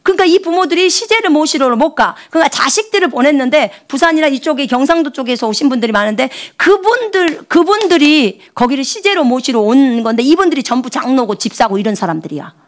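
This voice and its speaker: A middle-aged woman missionary preaching a sermon, telling a story with hushed asides and excited outbursts. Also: fast, hardly any pauses. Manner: animated, shifts between hushed asides and high excited outbursts.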